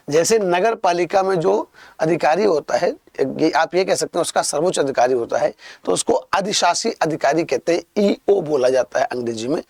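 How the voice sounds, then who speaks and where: Gravelly-voiced male teacher. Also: fairly high pitch, no echo, clean studio sound. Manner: explains patiently, repeats key points, calls students "pyare bachchon". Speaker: Hindi exam-prep teacher. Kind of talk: online exam-prep lesson.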